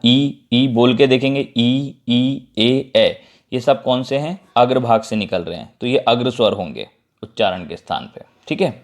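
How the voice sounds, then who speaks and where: A male teacher with a Madhya Pradesh Hindi accent leads a grammar lesson in a middle-pitched voice, neither high nor low. He works through each point step by step, repeating the terms and checking often that the class is keeping up.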